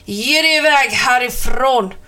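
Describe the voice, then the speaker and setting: A woman voicing a fierce, loud witch mother in a storybook reading. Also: high voice. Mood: angry. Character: ugly witch mother, fierce but kindly.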